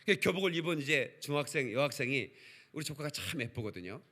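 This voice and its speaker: A man preaching a lively sermon as a pastor, telling a personal story and drawing responses from the congregation. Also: a little high, fast. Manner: animated, calls for congregation responses, acts out quotes. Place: church service.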